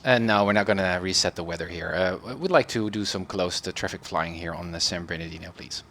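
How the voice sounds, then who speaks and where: A man's voice: deep voice, fairly quick, fairly bright tone. A man making hesitant radio calls to air traffic control as a flight simulator pilot, speaking through a pilot cockpit headset mic. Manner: hesitant, with many fillers between phrases. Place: home flight simulator setup.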